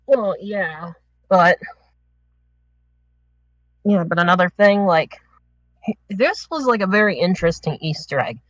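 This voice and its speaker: Bright-voiced guy, slightly out of breath. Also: sits high, animated, a little slow, long pauses, no echo, muffled recording. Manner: rambling, restarts with "the thing is". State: a little out of breath. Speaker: podcast panelist. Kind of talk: casual group discussion.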